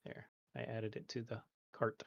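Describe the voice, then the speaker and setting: A man's voice: mid-range voice, monotone, moderate pace, creaky, slightly rough, dull audio. A man playing a tabletop game, reading rules aloud and chatting casually.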